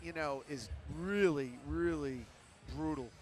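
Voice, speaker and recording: A man doing live ringside commentary on a kickboxing fight, reacting loudly to big hits. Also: on the high side, unhurried. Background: crowd noise.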